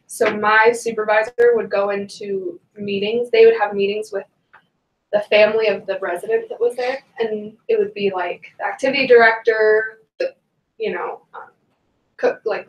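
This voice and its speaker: A young woman, a student, chatting in a group discussion, full of fillers and quick to laugh. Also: medium pitch, steady tone. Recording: echoey room, recorded from a distance.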